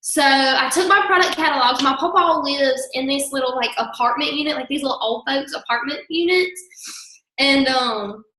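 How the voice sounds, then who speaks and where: A woman's voice: high voice, moderate pace, echoey room, low-quality recording. A woman casually telling a story on a group call, often breaking into laughter as she talks. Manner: giggly, breaks into laughter, animated. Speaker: team member sharing her story.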